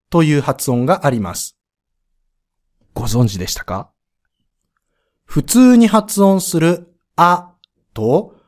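On a podcast, a high-pitched man teaches a pronunciation lesson, explaining step by step and sounding out letters and vowels to demonstrate them.

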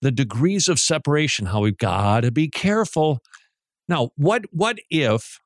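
A man hosting a talk radio show, joking and animated, who often restarts his sentences. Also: fairly high pitch, a little slow, dry recording, studio quality.

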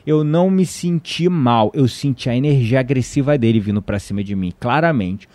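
A man's voice: medium pitch, normal speed, no echo. A man telling a story in casual conversation, acting out the voices of the people in it. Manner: animated, acts out quoted voices.

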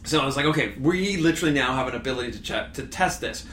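A man chatting on a podcast, telling animated stories with many restarts and fillers. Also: medium pitch, quick pace, roomy sound, slight background noise. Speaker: storm chaser, guest. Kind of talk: casual podcast chat.

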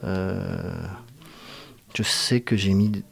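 A man's voice: deep voice, fairly even intonation, drawn-out words, creaky, husky. A man from France, an actor, speaking reflectively in a casual interview, often hesitating as he searches for words. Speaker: guest actor.

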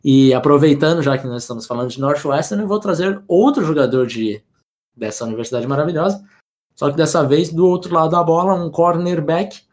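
A man co-hosting a sports podcast, talking in a relaxed, rambling way with many restarts. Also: a little high, a little fast. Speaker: podcast co-host. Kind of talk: casual sports podcast analysis.

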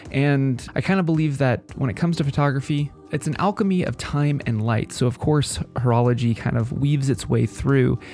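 A man's voice: a little high, a little mellow. Nasal, congested man hosting a podcast. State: head cold. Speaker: podcast host. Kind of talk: casual podcast talk to listeners.

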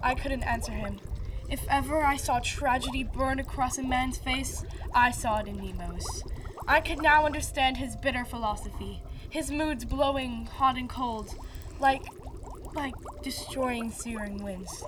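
A woman's voice: high-pitched, a little slow, distant mic, noisy background. A woman playing an earnest, awestruck professor who narrates a sea voyage in a dramatic, wondering radio theatre style. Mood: grave.

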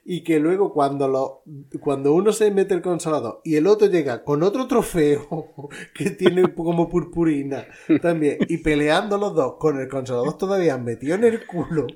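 A man, chatting casually on a podcast and telling animated stories with frequent laughter. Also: on the high side, normal speed. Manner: animated storyteller, laughing often. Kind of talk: casual chat.

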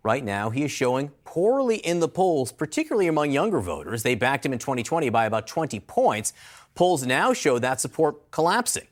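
Man, TV news anchor, crisp measured delivery, animated intonation. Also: mid-range voice. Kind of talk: broadcast news reading.

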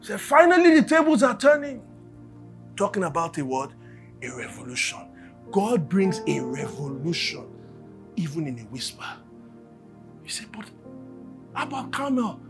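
A man preaching a sermon, swinging between hushed, almost whispered lines and loud, emphatic passages. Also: high-pitched, sing-song, normal speed, long pauses, music in the background.

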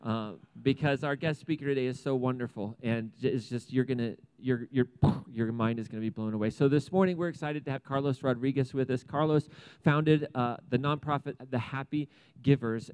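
A man's voice: mid-range voice, darkish tone, clean tone, poor audio. A man who pastors the church, opening the service in a casual, upbeat way that rambles with restarts before he introduces a guest speaker. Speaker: pastor and host. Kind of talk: sermon introduction.

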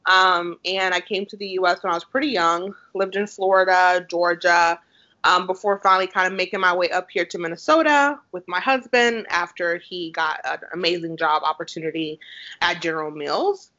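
A woman's voice: lowish voice, fairly even intonation, moderate pace. A woman in her twenties from Haiti, native Creole speaker, chatting upbeat as a podcast guest with many fillers. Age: 20s. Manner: warm, upbeat, frequent "um" and "like". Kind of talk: casual interview chat. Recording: slightly lo-fi podcast audio.

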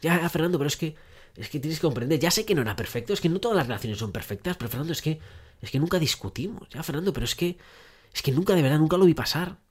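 A man putting on a heartbroken listener who pleads in a raised, higher voice and gets louder as he insists. He stammers, repeats himself and sounds defensive throughout. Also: lively intonation, fast talker, breathy edge. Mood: pleading.

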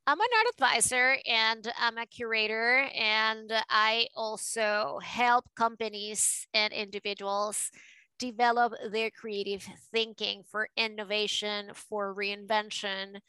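A Venezuelan-born woman with a New York tinge speaks in a bright, crisp voice. She talks in quick, lively bursts as an interview guest. The sound is close and dry. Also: mid-range voice, no echo, rough recording. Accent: Venezuelan Spanish mixed with New York. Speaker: podcast guest, art advisor. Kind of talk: casual interview talk.

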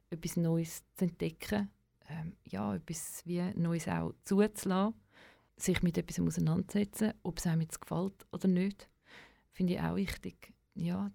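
A woman's voice: fairly low pitch, gravelly, mellow, no echo. A woman with a Swiss German accent talking casually as an interview guest, enthusiastic and searching for her words. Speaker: radio presenter as interview guest.

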